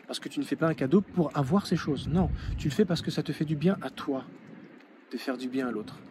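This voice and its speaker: A man's voice: a little high, brisk, noisy background. A man coaching the viewer directly, earnest and repeating key phrases for emphasis. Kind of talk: advice monologue to the viewer.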